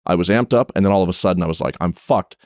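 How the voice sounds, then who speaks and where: Deep-voiced blunt cop telling a story. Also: male voice, rapid-fire, a little mellow, no echo, clean studio sound. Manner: blunt, profane, retelling with restarts. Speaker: police officer guest. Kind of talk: conversational podcast storytelling.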